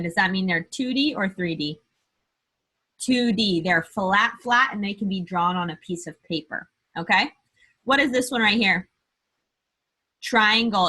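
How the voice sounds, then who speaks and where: Slow, bright-voiced woman teaching small children. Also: mid-range voice. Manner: simple, patient questions with pauses, as if to a small child; emphatic, sounding out key words slowly. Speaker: early-grade teacher. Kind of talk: remote math lesson for young children. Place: indoor room, screen-share lesson.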